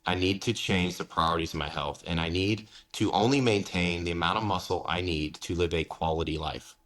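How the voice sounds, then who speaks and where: An American man in his forties, a fitness coach, speaks candidly in a casual interview, sprinkling in "man" and "you know" a lot. His deep voice moves briskly with a fairly bright tone.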